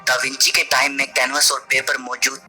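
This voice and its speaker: Bright-voiced man narrating a countdown. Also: medium pitch, moderate pace, faint music behind, poor audio. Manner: steady, explanatory countdown delivery. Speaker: video narrator. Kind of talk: scripted voice-over narration.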